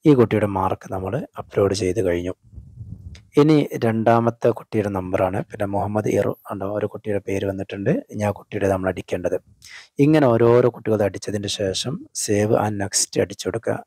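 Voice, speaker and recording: In a screen-recorded how-to, a tutorial vlogger guides viewers step by step through an online task, frequently posing questions and answering them himself. His voice is fairly low, dark and husky, with fairly even intonation and a slightly fast pace.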